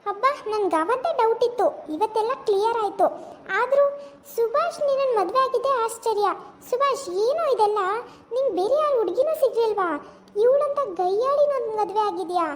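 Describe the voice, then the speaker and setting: A woman's voice: extremely high pitch, slight background noise. A woman playing a gossiping female friend who mocks, then falsely soothes, in a comic village skit.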